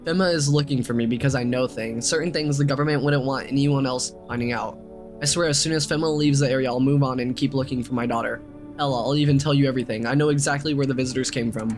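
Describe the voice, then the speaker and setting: A man's voice: medium pitch, fairly even intonation, fast, soft background music, lightly acted. A man voicing a desperate, conspiracy-minded father on the run in a game, urgent and earnest.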